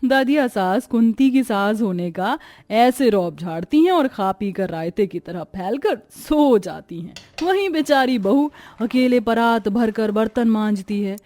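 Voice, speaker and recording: A woman reading a scripted family story in a lively, dramatic narrating voice. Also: a little high, measured pace, hardly any pauses, faint music behind.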